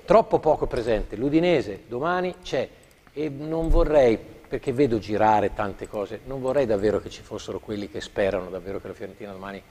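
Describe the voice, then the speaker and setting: A man's voice: fairly low pitch, brisk, darkish tone. A man leading a football panel discussion, speaking emphatically and repeating phrases for effect. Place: TV studio. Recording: reverberant TV studio.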